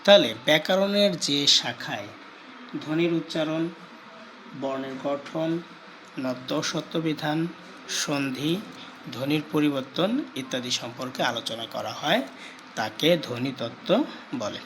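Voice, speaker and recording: A male teacher giving a grammar lesson, repeating key terms slowly and asking questions he answers himself. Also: fairly high pitch, a bit bright, slight background noise, poor audio.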